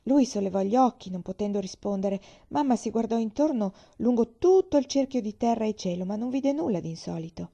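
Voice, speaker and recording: A woman reading a novel aloud in a calm, expressive storytelling manner, on a slightly dull recording. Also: on the high side, a little fast, vocal fry, few pauses. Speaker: reader.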